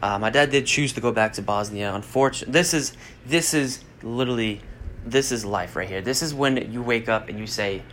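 A young man from the US hosts a podcast and rambles through a casual motivational monologue, blunt and liberal with swear words. His voice is medium-pitched and fairly bright, his pace a little quick, and there's some faint background noise.

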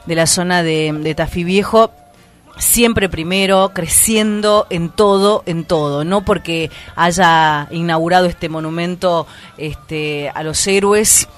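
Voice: medium pitch, takes it slowly, soft background music. A radio host, chatting on air in a casual way. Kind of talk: radio talk.

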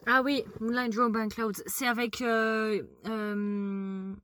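A woman hosting a casual chat, talking in a gushing, animated way. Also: fairly high pitch, dry recording, studio quality. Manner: animated and gushing, quick talk. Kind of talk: casual chat about TV dramas.

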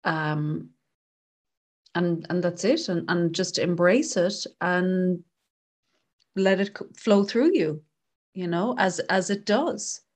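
A woman talking thoughtfully in a casual conversation, gently explaining an idea through a story. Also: fairly low pitch, slow, long pauses. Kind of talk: reflective conversation.

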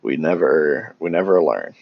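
A man talking casually and haltingly about scripture, with many pauses and restarts. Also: a bass voice, big pitch swings, gravelly, lo-fi sound. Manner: calls himself tongue-tied. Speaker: religious commentator. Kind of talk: casual unscripted talk on scripture.

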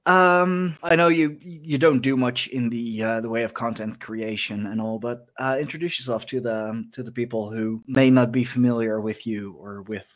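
A man's voice: mid-range voice, steady tone, normal speed, few pauses. A man in his thirties hosting a podcast, chatting casually and rambling with frequent fillers. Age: 30s. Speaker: podcast host. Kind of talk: casual livestream chat.

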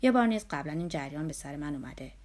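A woman reading the lines of an anxious, desperate male musician in an audiobook, hurried and pleading. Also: low-pitched, animated, a little mellow.

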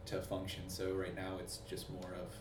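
A man in his thirties from Cleveland, co-owner of an ice cream shop, talking in a relaxed, halting way with many fillers in an interview. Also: deep voice. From suburbs of Cleveland, US. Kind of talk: casual interview. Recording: echoey room, distant mic, noisy.

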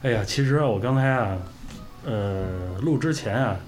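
A man's voice: medium pitch, moderate pace, a little mellow, faint music behind. A man speaking as an interview guest, chatting casually in a modest, easygoing way.

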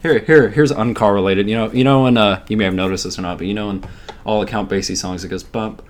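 A man's voice: on the low side, steady tone, fast. A man co-hosting a podcast, chatting casually, rambling from topic to topic and swearing now and then. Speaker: podcast co-host. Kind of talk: casual chat.

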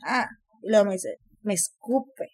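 A woman with a Mexican accent telling a story in casual chat, animated, full of crude slang and acted-out voices. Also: medium pitch, a little slow, breathy edge. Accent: Mexican Spanish.

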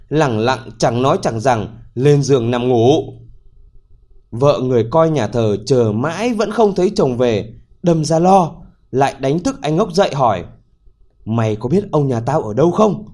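A man narrating a folk tale in a steady, clear reading. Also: mid-range voice, measured pace. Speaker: storyteller.

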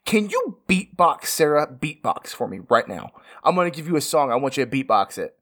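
A man's voice: fairly high pitch, very animated, a little fast, fairly bright tone. A man in an improvised comedy scene, rambling and playing drunk.

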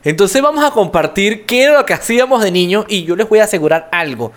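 A man with a Venezuelan accent hosting a casual podcast chat, telling stories in a lively way. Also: sits high, fast talker. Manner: lively, animated storyteller, mimics voices. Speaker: podcast host.

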